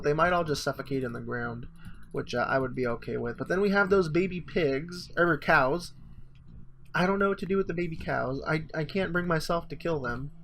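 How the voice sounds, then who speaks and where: A man's voice: on the high side, slight background noise. A young man talking through a survival game in casual, rambling commentary, his voice a bit stuffy from just waking up, full of ums and little laughs. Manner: rambling, filler-heavy, chuckling. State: morning voice, stuffy sinuses. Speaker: gaming channel host.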